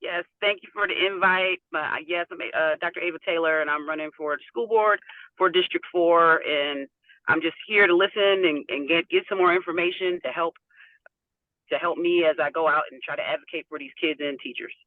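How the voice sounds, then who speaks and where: A man calling in on a speakerphone while driving, speaking as a school board candidate in a halting way. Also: on the high side, dry recording. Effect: speakerphone from a moving car. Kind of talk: casual remarks on a video call. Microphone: car speakerphone. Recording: tinny phone-like car speakerphone.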